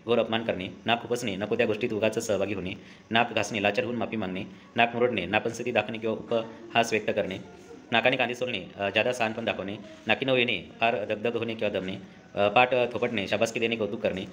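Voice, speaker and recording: A man teaching a language lesson, reading a list of idioms and their meanings briskly, with short "uh" fillers. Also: fairly low pitch, fairly even intonation, a bit bright.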